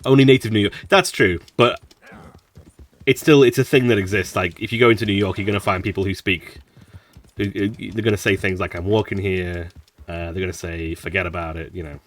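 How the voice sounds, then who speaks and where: Male gaming streamer, low voice, chatty and rambling, slightly distant mic. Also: brisk. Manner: rambling, chatty, laughs often. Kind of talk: casual gameplay commentary.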